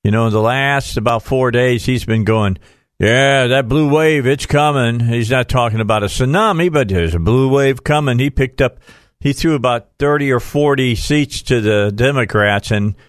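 A man's voice: mid-range voice, normal speed, no room sound, studio quality. A man hosting a political talk radio show in an informal, folksy, conversational way. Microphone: close studio microphone.

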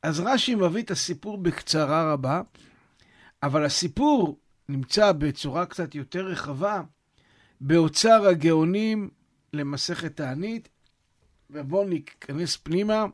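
Raised-voiced rabbi with a dramatic read-aloud. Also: male voice, a little high, expressive, no room sound, clean studio sound. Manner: dramatic read-aloud, drawn-out words and falling phrase ends; explains in plain words after each quoted line. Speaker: rabbi teaching a talmudic tale. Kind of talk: storytelling lesson, reading a source aloud and explaining it.

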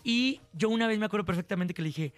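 Man, radio co-host, high voice, animated storyteller, dry studio sound. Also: fast talker, dry recording, soft background music. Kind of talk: casual radio chat.

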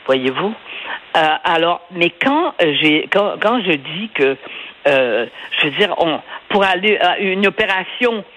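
An older woman with a Québécois accent chats on a radio program. She is lively and digressive, laughs often, and restarts her sentences as she goes. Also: on the low side, a little slow, poor audio. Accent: Québécois French. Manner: animated, rambling, laughs often, restarts and stammers. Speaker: newspaper columnist guest. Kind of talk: radio interview conversation.

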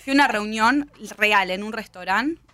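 A woman with a Buenos Aires accent, an actress being interviewed, telling stories in an animated, lively way. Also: mid-range voice, normal speed, smooth, no echo. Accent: Buenos Aires Spanish. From Argentina. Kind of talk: casual interview chat.

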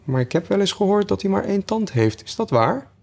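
A man's voice: high-pitched, big pitch swings, brisk, gravelly, darkish tone, voice pushed up, full character voice. A man reading aloud, voicing a polite, curious young girl in a raised voice.

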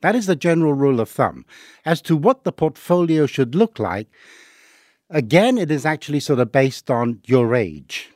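A man's voice: fairly high pitch, big pitch swings, normal speed, a little mellow, no room sound, studio quality. A middle-aged man from Hong Kong, a guest on a finance podcast, explaining rules of thumb patiently with worked examples. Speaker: investing guest. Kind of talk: podcast interview.

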